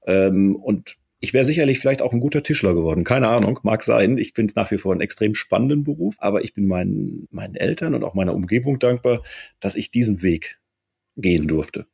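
Man, 50s, podcast guest. Low, gravelly voice; measured and reflective. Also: expressive, darkish tone. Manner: measured, reflective, frequent restarts. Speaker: guest, company managing director. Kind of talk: thoughtful podcast conversation.

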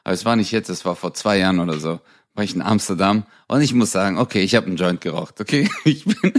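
A young man co-hosting a comedy podcast, telling stories in a lively, casual way and acting out the voices of people in them. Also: deep voice, quick pace. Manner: animated, acts out voices in anecdotes, laughs often. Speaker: podcast co-host. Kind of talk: casual comedic chat, storytelling.

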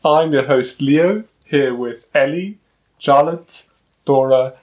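A man hosting a casual round-table podcast chat, talking in a relaxed, thoughtful way. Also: on the high side, takes it slowly, muffled recording. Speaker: podcast host.

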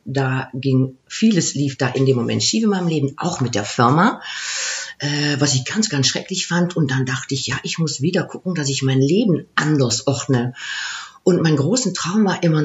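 A woman's voice: sits low, animated, normal speed, dull audio. A woman in her fifties from the Netherlands with a Dutch accent, a guest in an interview, chatty and laughing easily. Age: 50s. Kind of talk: interview conversation.

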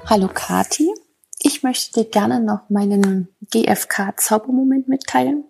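Woman with a slightly high, gravelly voice, telling a detailed story on a voice memo. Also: takes it slowly, a little mellow, faint music behind. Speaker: mother of a young son. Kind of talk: casual voice message.

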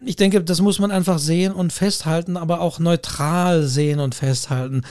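A man's voice: on the high side, fairly even intonation, normal speed, a little mellow, no echo, clean studio sound. A man co-hosting a podcast, talking things through in a thoughtful, hedging way and often repeating his phrases. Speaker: podcast co-host. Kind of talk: casual discussion.

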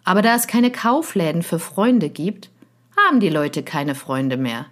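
A woman voicing a gentle, wistful male fox in a storybook reading, talking in an earnest, pleading manner. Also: on the low side, big pitch swings, a little slow.

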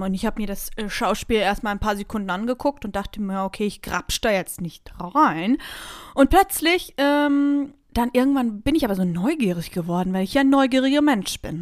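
A woman's voice: on the high side, dry recording, clean studio sound. Chatty woman telling a story. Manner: chatty storyteller, lively, many fillers. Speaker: podcast co-host telling a story. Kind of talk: casual chat.

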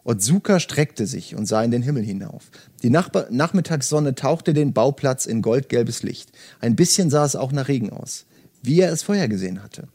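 Animated man reading a novel aloud. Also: medium pitch, moderate pace, husky. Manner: enthusiastic, hesitant with fillers in chat. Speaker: podcast host. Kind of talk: reading aloud and casual book chat.

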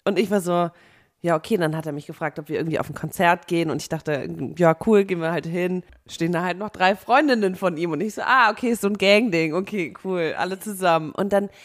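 A woman's voice: on the low side, fast. A young woman co-hosting a chatty podcast, telling a story in a rambling way, full of fillers and laughter. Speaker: podcast co-host. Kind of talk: casual chat.

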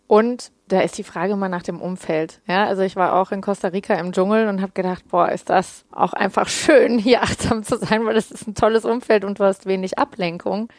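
A woman coaching on mindfulness in a casual podcast conversation, explaining calmly with everyday examples. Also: mid-range voice, a little fast, hardly any pauses, dry recording, clean studio sound. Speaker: mindfulness coach answering listener questions.

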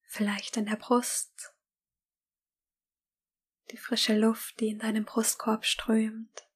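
A woman leads a guided meditation in an unhurried whisper. Her voice sits a little high but stays very flat and even. It is airy and breathy throughout, with long pauses. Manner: soft whisper, slow and calm.

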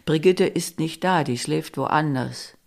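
A troubled married man speaks in hushed, halting lines, as a woman reads him out. The delivery is slow and drawn out, with a gravelly edge. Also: deep voice, full character voice.

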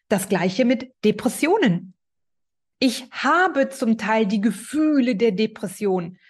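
Middle-aged woman, podcast host; personal monologue, emphatic and repetitive, fairly high pitch. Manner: emphatic, repeats key phrases.

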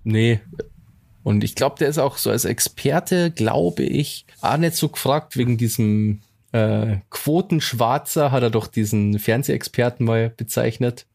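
Gravelly, slangy German podcast host. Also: male voice, mid-range voice, a little slow, a little mellow, dry recording, studio quality. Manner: loose, slangy storytelling with English words mixed in. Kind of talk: casual chat.

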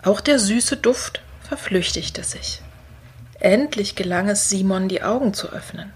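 Slow, breathy woman reading a story. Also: mid-range voice. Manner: soft, partly whispered storytelling. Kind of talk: reading a children's Christmas story aloud.

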